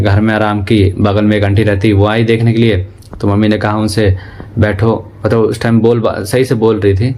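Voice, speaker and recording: A man vlogger slowly recounting a painful family loss in a subdued, halting way. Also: on the low side, darkish tone, slight background noise. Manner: grief-stricken, subdued, halting retelling. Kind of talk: personal recounting to camera.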